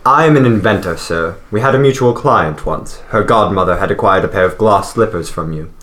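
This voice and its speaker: An actor playing a cold, scheming inventor uncle who speaks in a deliberate, menacing way. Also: male voice, low voice, fairly bright tone. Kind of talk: audio drama acting.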